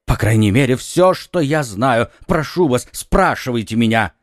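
A man's voice: expressive, normal speed, dry recording, studio quality, lightly acted. A man voicing a frightened, pleading middle-aged shopkeeper in an audiobook reading. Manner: high, anxious, exclaiming pleas.

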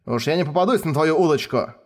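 A man's voice: fairly high pitch, expressive, fast, a little mellow, voice pushed up. A man voicing a brash, hot-tempered male general who taunts and blusters in a raised voice. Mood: threatening.

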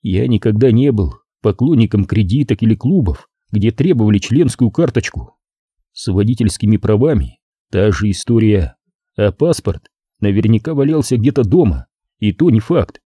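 A man narrating a first-person novel as an audiobook in a measured storytelling manner. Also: on the low side, lively intonation, mellow, breathy edge, no room sound.

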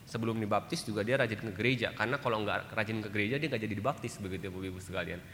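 A man preaching a sermon to a congregation, telling a story with lively shifts and acting out the voices of the people in it. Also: on the low side, very fast, a little hiss or hum. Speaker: pastor. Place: church sanctuary. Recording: church hall reverb with faint ambience.

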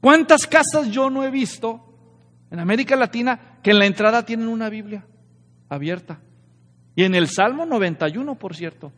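High-voiced man preaching in a reverberant hall. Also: moderate pace. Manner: lively preaching, frequent rhetorical questions to the congregation. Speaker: pastor. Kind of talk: sermon.

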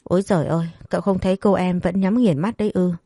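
A woman's voice: fairly low pitch, fairly even intonation, fast talker, mellow, dry recording, studio quality. A woman voicing a frightened young servant girl who pleads in a whiny way. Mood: wailing.

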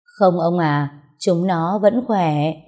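A woman's voice: fairly low pitch, takes it slowly, a little mellow. A woman reading the lines of a worried, tearful older mother in a storybook tale. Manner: pleading, tearful. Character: worried old village mother.

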